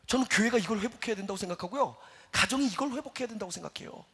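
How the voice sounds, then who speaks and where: Male pastor, high lively voice, fast, husky edge, echoing church hall. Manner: animated storytelling with acted-out quotes. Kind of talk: sermon. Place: church sanctuary.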